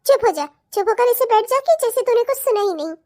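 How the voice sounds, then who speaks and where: Woman as rude lazy young daughter-in-law, very high, sneering and quick. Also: animated. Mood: dismissive. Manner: sneering, shouting back. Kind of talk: cartoon voice acting.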